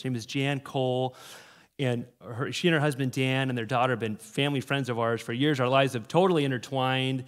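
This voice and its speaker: A middle-aged American man preaching a sermon from a church stage into a handheld mic, telling stories with animated emphasis on key words. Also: mid-range voice. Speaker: pastor.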